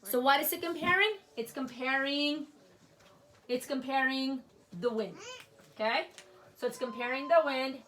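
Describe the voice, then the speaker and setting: A woman with a high, slightly bright voice teaches grammar at a board, writing as she speaks. She goes slowly and patiently, frequently pausing to ask "okay?"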